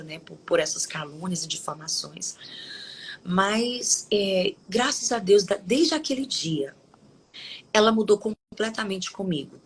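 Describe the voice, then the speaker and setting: A woman with a lowish voice hosts a devotional live stream. She talks in a loose, conversational way and pauses to read Bible verses aloud. A faint hiss sits under the voice. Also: poor audio. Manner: conversational, with frequent tag questions and restarts. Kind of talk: devotional talk and scripture reading.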